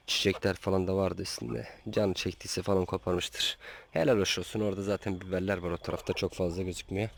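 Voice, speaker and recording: A gravelly, low-pitched man narrates his farm vlog outdoors in a small backyard farm, chatting to his chickens and geese as he films and both scolding and sweet-talking them. Poultry noise fills the recording, with chickens and roosters clucking behind him.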